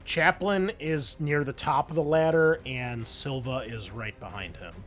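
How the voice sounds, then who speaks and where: A game master improvises narration and rulings for a tabletop roleplaying game, talking conversationally over background music. His voice is a little high and a bit bright, and he doesn't hurry.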